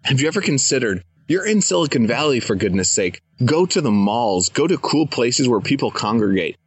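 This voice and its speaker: A man's voice: mid-range voice, very animated, brisk, slightly rough, no room sound. A young adult man hosting a podcast interview, enthusiastic and eager to give advice. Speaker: podcast host. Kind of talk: casual interview. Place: living in Thailand, jungle sounds around.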